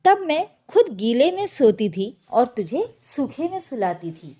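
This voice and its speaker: A woman voicing an elderly, loving mother who speaks softly and tenderly. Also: sits high, sing-song, slow pace, heavily acted. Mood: reproachful. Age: older. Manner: soft, tender.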